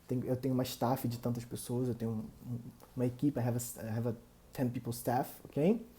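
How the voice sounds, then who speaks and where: A young man with a Brazilian Portuguese accent, teaching English vocabulary and repeating each word slowly to model its pronunciation. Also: medium pitch, little pitch movement, dark tone. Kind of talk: English lesson for Portuguese speakers.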